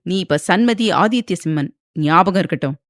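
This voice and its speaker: A woman narrator voicing an arrogant young husband who taunts, threatens and shouts at his wife in an audiobook romance. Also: fairly low pitch, lively intonation, moderate pace, no room sound, clean studio sound, lightly acted. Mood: taunting. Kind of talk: audiobook character voice.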